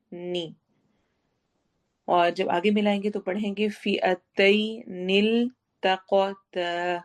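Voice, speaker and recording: A woman teaching a Quran tajweed lesson, reciting slowly and then explaining each sound step by step. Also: mid-range voice. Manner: slow drawn-out recitation, then steady explaining.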